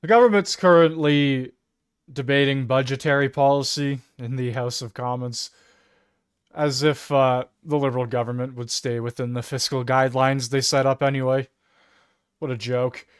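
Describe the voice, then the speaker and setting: A man's voice: medium pitch, steady tone, moderate pace, clean tone, no echo, studio quality. A man hosting a political livestream, giving sarcastic commentary. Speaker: livestream host. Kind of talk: casual live commentary.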